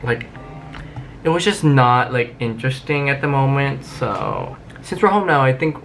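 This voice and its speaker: A man's voice: mid-range voice, sing-song, unhurried, vocal fry, a bit bright. A young man vlogging casually on a city street, rambling and swearing, with a handheld camera and music playing behind. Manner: rambling, profane, self-mocking. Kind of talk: casual vlog chatter. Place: city street outdoors, walking.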